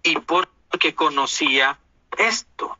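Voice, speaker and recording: A man's voice: a little high, takes it slowly, bright, forceful tone, muffled recording. A man from Honduras with a Honduran Spanish accent, delivering an indignant, preachy opinion monologue as a commentator.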